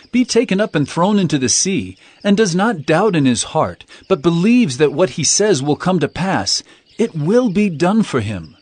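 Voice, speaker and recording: An actor playing Jesus as an earnest, commanding teacher in a solemn, declamatory dramatized scripture reading. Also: male voice, fairly high pitch, darkish tone, husky, no echo. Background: music.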